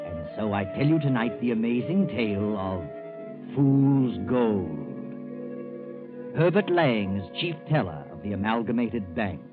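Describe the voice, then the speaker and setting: An actor playing an ominous, all-knowing storyteller in a theatrical, deliberate 1940s radio suspense style. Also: male voice, fairly low pitch, lively intonation, phone-quality sound. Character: the Whistler, ominous all-knowing male storyteller of dark tales. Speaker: radio drama narrator. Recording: scratchy 1940s radio, thin band, loud music.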